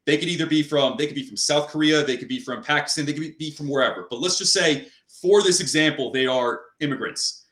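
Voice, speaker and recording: Speaking a little high and fast, this male interview host has a fairly bright tone. His long, meandering turns are full of fillers like "you know," and the room echo is noticeable.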